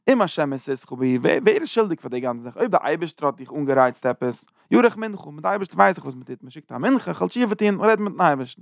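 A man giving an informal Bible lesson, retelling the story in loose, halting phrases. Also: fairly high pitch, lively intonation, vocal fry, no echo, clean studio sound. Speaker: Bible teacher.

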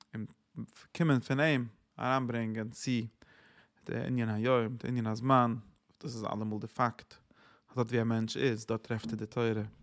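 Guy giving a torah talk, middle-pitched voice, earnest singsong preaching. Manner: earnest, singsong preaching that swells when quoting verses. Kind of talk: Torah sermon.

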